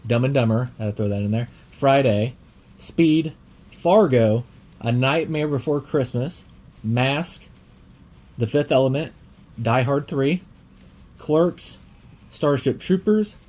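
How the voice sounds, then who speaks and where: A young man hosting a casual movie podcast, talking in a rambling, filler-heavy, excitable way, with a slight lisp from a dental aligner. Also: medium pitch, slow pace, pauses often. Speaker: podcast host.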